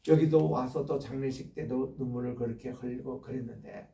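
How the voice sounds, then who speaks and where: An older man preaching a sermon, telling personal stories with swings from hushed to loud. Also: medium pitch, fairly even intonation, a little fast. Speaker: pastor. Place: church sanctuary. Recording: echoey church room from far off.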